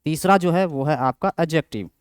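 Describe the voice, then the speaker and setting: A man's voice: on the high side, a little fast, smooth, no room sound, studio quality. Man teaching, asks and answers himself. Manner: explanatory, asks and answers his own questions. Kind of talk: Hindi grammar lesson with English terms.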